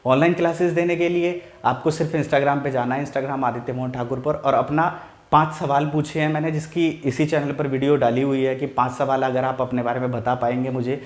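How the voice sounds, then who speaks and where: हिंदी व्याकरण पढ़ाने वाला एक पुरुष शिक्षक, जो उदाहरण धीरे-धीरे दोहराता है और अपने ही सवाल पूछकर खुद जवाब देता है।. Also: male voice, mid-range voice, steady tone, reverberant. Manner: repeats examples slowly, asks and answers own questions. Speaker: Hindi grammar teacher. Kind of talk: explaining lesson to camera.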